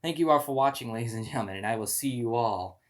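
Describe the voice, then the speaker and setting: A man giving playful, excitable commentary on toy car races, with loud countdowns. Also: mid-range voice, fast talker. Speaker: race commentator.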